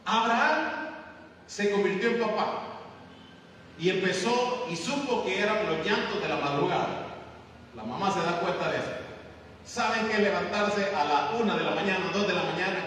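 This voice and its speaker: A male pastor preaching emphatically, acting out scenes and stretching out key phrases. His high voice bounces around a very echoey church hall, picked up from a distance over a faint hiss. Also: fairly bright tone. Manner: emphatic preaching, acts out dialogue, drawn-out pauses. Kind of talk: sermon.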